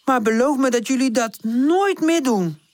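A woman's voice: expressive, measured pace, no room sound. A woman voicing a caring, motherly aunt in a children's storybook. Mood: soothing. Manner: warm exclaiming, raised pitch. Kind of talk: storybook character voice.

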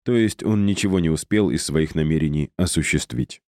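A man narrating an audiobook with even, deliberate storytelling. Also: a bass voice, no echo, studio quality.

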